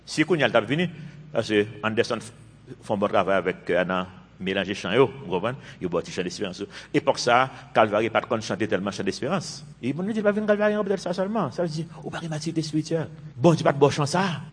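A man's voice: mid-range voice, lively intonation, fast talker, husky. A man in his fifties, a pastor preaching a sermon with emphatic, repeated phrases. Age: 50s. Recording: long reverb of a large hall.

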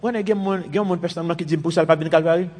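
Man, 50s, pastor, sermon, emphatic and repetitive, slightly high voice, long hall reverb. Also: steady tone, rapid-fire, a little mellow, a little hiss or hum. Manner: emphatic preaching with repeated phrases.

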